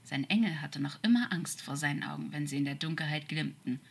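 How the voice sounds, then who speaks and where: Woman narrator, low pitch, husky breathy tone, expressive storytelling with whispered bits. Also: a little fast. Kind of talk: audiobook fan-fiction reading.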